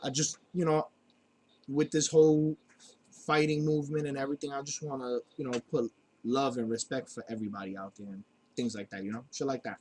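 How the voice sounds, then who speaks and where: A man's voice: mid-range voice, steady tone, brisk, darkish tone, slight background noise. A man hosting a homemade podcast from a basement, talking loosely and rambling with lots of fillers. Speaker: podcast host. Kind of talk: casual podcast chat. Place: home basement.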